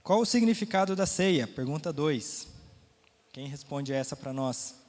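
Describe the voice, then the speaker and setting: A man's voice: a little high, animated, a little slow, darkish tone, in a large hall. A man with a Brazilian Portuguese accent teaching a Sunday school Bible lesson, talking casually, quizzing the class, his throat a little sore.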